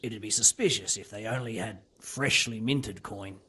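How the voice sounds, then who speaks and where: An actor playing a captured brigand under interrogation in a game, sardonic and evasive. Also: male voice, fairly low pitch, normal speed, bright, forceful tone. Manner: sardonic, evasive, rough-spoken.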